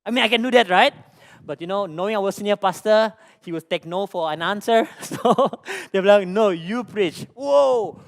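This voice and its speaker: A middle-aged man with a Malaysian accent preaching a sermon as lead pastor, conversational and full of personal stories, often asking the congregation questions. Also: sits high. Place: church stage.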